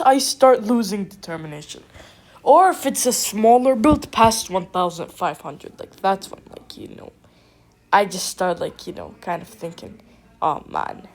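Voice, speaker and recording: A woman giving casual gameplay commentary with a stuffy nose, rambling and excitable, often cutting herself off. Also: a little high, unhurried. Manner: rambling, excitable, self-interrupting. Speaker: gaming video creator.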